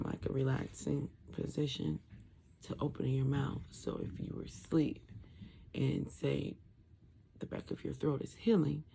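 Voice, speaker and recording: A tired, medicated twenty-nine-year-old with a sore, muffled, thick voice from a swollen throat after tonsil surgery, talking casually and haltingly to camera. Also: mid-range voice, creaky, warm tone, breathy edge. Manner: halting, rambling. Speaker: vlogger sharing surgery recovery. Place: room at home.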